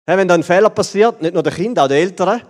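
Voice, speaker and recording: Swiss guy preaching to kids, playful and animated, fairly high voice, long hall echo. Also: quick pace. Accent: Swiss German. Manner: playful, animated, addresses the children directly. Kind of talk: children's sermon. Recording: long reverb of a large hall.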